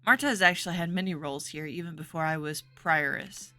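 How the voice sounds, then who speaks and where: A woman voicing a composed, formal middle-aged abbess who speaks in a measured, courteous way. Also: low-pitched, bright, forceful tone, faint music behind.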